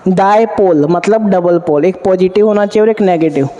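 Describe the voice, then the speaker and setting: Male physics teacher, high and mellow-toned, drills the class with call-and-answer questions; long hall reverb. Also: normal speed. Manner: addresses students warmly as 'beta'. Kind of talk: classroom lecture at a board.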